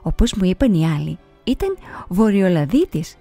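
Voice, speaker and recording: A woman reading a children's story aloud, with an expressive storytelling delivery. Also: lowish voice, dry recording, faint music behind. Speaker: audiobook reader. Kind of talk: storybook narration.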